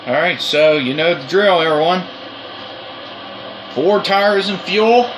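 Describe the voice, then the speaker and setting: A man giving excited commentary on his own racing game play, urgent and repetitive as he coaxes and cheers. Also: high voice, takes it slowly, background noise.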